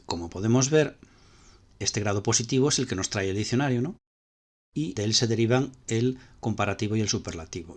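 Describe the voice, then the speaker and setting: A man with a Spanish accent teaching ancient Greek grammar step by step, repeating key points as he explains slides. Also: fairly low pitch.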